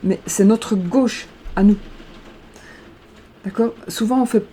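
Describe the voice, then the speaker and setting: A woman's voice: mid-range voice, takes it slowly, mellow, a little hiss or hum. A woman reading fortune cards aloud in a casual tutorial, hesitant and stumbling over her words. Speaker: card reader.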